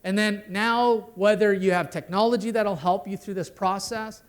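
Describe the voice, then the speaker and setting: High-voiced man giving a conference talk. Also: fairly even intonation, moderate pace. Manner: conversational, tags sentences with "right?". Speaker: conference speaker. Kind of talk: conference talk on network security. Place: conference hall.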